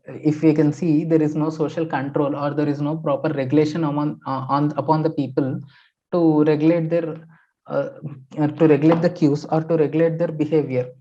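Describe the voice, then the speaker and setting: A man's voice: a little high, level tone, a little fast, mellow. Man lecturing on sociology, dull recording. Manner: methodical, many fillers and restarts. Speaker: sociology teacher. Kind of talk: explaining newspaper articles in a lecture. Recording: dull lo-fi sound.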